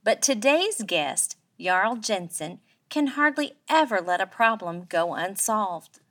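A woman podcast host giving a scripted narration with an upbeat, expressive delivery. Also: mid-range voice, slow pace. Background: soft guitar music.

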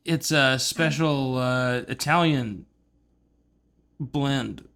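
A man co-hosting a podcast, hesitant and deadpan. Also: medium pitch, extremely slow. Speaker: podcast co-host. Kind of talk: comedic casual chat.

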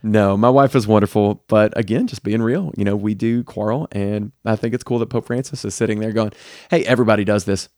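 A man's voice: lowish voice, fairly even intonation, brisk, few pauses, darkish tone, dry recording, studio quality. A man with a Southern US accent, co-hosting a podcast in a candid, easygoing way. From United States. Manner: candid, easygoing, with frequent restarts. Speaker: podcast co-host. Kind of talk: casual podcast chat.

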